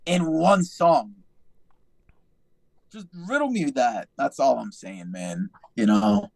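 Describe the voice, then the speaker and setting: A man's voice: mid-range voice, slow, gravelly, a little hiss or hum. A young adult man telling stories in a casual, profane podcast chat. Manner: profane, animated storytelling. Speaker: podcast host.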